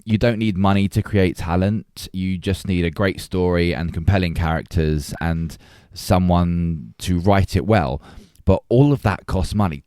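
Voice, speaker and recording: Deep-voiced man debating. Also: darkish tone, smooth, dry recording, clean studio sound. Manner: earnest, restarts words, argues a point. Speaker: podcast co-host. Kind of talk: casual debate chat.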